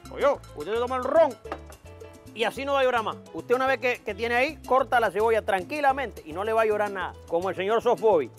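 A man's voice: very high voice, fast, faint music behind. A man playing a boastful, tipsy TV cook with a Venezuelan accent who swears constantly and brags about his garden. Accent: Venezuelan Spanish. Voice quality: swaggering, swears constantly, rowdy exclamations. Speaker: comic cooking-show character. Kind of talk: sketch comedy acting.

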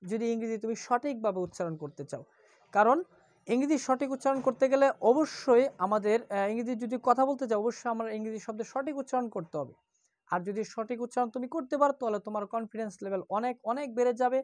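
A woman's voice: on the high side, darkish tone, dry recording. Dry-voiced woman teaching pronunciation. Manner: asks questions and then answers them herself, spells words letter by letter. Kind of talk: spoken language lesson.

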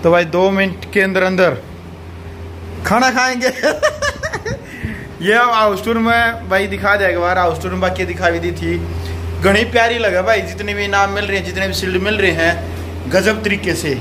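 A young man with a Haryanvi accent talks casually as he gives a vlog house tour. His voice is quite high, and he laughs often and points things out to the camera. There is faint outdoor ambience behind him. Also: animated, a little slow, bright, forceful tone, slight background noise. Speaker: vlogger giving a house tour. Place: rural house and courtyard, outdoors and indoors. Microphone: handheld phone mic.

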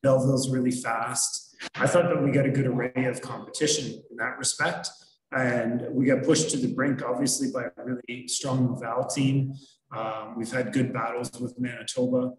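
A hockey head coach answers questions at a postgame press conference over a video call webcam, and the room gives the recording a noticeable echo. His male voice sits at medium pitch with a steady tone, and he speaks in a measured, analytical way with frequent fillers.

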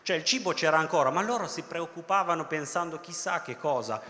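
A man's voice: fairly high pitch, a little fast, sharp tone. A young man preaching a sermon in a chatty way, often checking in with his listeners. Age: young adult. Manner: conversational preaching, tag questions like "no?" and "ok?". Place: large theatre hall. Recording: echoey hall reverb.

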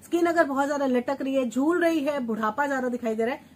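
A woman's voice: high voice, fast, a little hiss or hum. A woman hosting her own home remedy vlog, chatting like an older sister to her viewers and repeating words for emphasis while she grinds and sieves at home. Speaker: home remedy vlogger, channel host. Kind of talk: chatty beauty tips vlog.

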